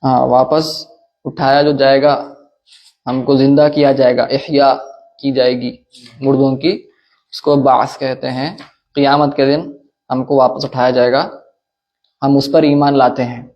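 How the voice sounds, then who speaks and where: A man teaching a religious lesson in a measured, explanatory way, with hesitations and quick Arabic recitation. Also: mid-range voice, level tone, muffled recording. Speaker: teacher of Islamic creed and law.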